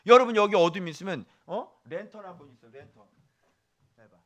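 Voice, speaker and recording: A male pastor preaching a sermon, animated and firing questions at the congregation, dropping to a hush for asides. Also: sits high, brisk, highs cut off.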